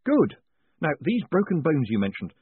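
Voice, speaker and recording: A man's voice: on the high side, wildly swooping pitch, moderate pace, husky, no echo, narrow, tinny audio, pitched above the performer's own voice, exaggerated voice. A man voicing a nervous young male con man who speaks wryly and a bit exasperated. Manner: wry, slightly exasperated.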